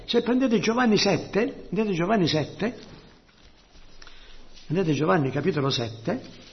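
A man's voice: high-pitched, a little slow, gravelly. A man preaching a sermon, often crying alleluia and putting questions to the congregation. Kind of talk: Pentecostal-style sermon. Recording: dull lo-fi church recording.

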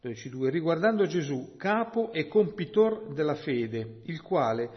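A man preaching a sermon, expounding scripture slowly and emphatically, often checking in with "no?" and "hm?". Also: fairly high pitch, lively intonation. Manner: slow, emphatic Bible exposition with rhetorical "no?" and "hm?". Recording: dull, long-reverb church hall sound.

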